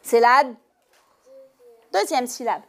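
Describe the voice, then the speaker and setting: A woman teacher giving a lesson to young pupils in a classroom, speaking slowly and clearly and stressing each syllable. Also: fairly high pitch, expressive. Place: primary school classroom.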